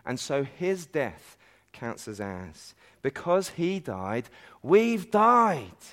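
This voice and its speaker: A man preaching a sermon at a conference, earnest and emphatic, with light self-deprecating asides. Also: mid-range voice. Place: conference meeting hall.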